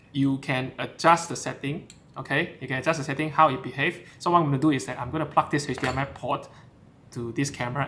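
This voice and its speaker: A man's voice: on the high side, a bit bright. A man hosting a live stream, talking casually through his setup with lots of fillers and restarts. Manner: chatty, switches between English and Mandarin, many fillers and restarts. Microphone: camera shotgun mic.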